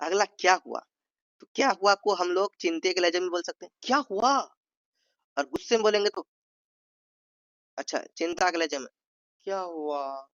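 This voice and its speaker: A man's voice: sits high, brisk, long pauses, fairly bright tone, no echo, highs cut off. A man teaching an exam-prep lesson, going over each point twice, checking in with "ठीक है" and acting out sample sentences in different tones. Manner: repeats points, says "ठीक है" often, acts out sample tones. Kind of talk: explanatory Hindi lesson.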